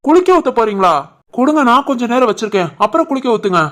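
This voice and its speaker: A woman's voice: a little high, fast talker. A woman doing a loving young cartoon husband. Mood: gentle. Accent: southern Tamil, Tirunelveli. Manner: gentle, affectionate, relaxed.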